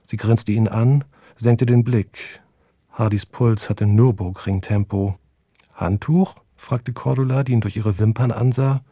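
Male narrator, wry audiobook reading, close and dry, warm tone. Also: on the low side, fairly even intonation, measured pace, no room sound. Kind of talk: reading fiction aloud.

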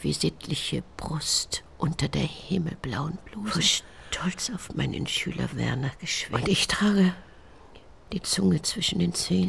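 A woman playing a proud female schoolteacher, gushing and slipping into breathy whispers. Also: lowish voice, slight background noise. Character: proud female schoolteacher in horn-rimmed glasses. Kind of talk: radio play acting.

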